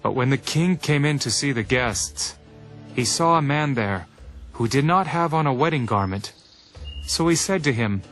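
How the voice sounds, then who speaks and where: An actor playing Jesus in a scripture audio drama, a teacher speaking parables with solemn, measured authority. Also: male voice, medium pitch, a bit bright. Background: music.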